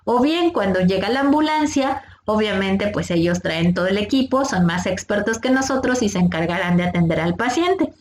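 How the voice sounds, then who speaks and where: A woman's voice: mid-range voice, expressive, moderate pace, few pauses, reverberant. A woman, a first aid instructor patiently teaching a class of young scouts step by step and asking them questions. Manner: patient, explains step by step, asks the kids questions.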